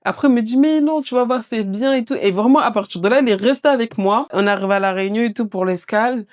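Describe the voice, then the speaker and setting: A woman's voice: medium pitch, quick pace. A young woman from Mayotte, a podcast host telling her own life story in a casual, colloquial way, swearing now and then and acting out what others said. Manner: colloquial and candid, swears, acts out the voices of others.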